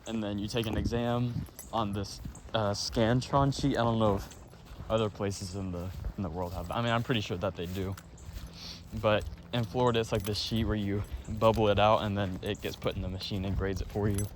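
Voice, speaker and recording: A teenage boy with a fairly low voice and a blocked, stuffy nose, chatting about his classes in a loose, tired ramble. He keeps stopping to correct himself and apologize, and a clear noise runs behind him throughout. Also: fairly even intonation, a little fast. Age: teens. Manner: rambling, full of fillers and apologies. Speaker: student vlogger. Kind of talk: casual chat. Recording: noisy background.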